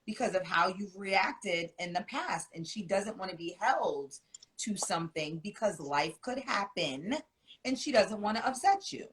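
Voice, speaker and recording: A woman appearing as a love coach guest, calmly reflecting back what she hears and analyzing the couple. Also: mid-range voice, measured pace, rough recording. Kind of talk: casual podcast conversation.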